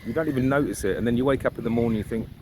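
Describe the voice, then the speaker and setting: A medium-pitched man talks in rapid-fire bursts while strolling along a river, reflecting aloud and asking rhetorical questions as a vlogger. The recording picks up birdsong and traffic around him.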